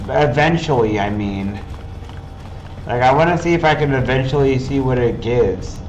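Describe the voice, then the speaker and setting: A man's voice: mid-range voice, normal speed, muffled recording, a little hiss or hum. A man streaming a game, chatting casually and sounding tired from the late hour. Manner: relaxed, chatty, questioning. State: tired, yawning. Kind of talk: casual gaming chat.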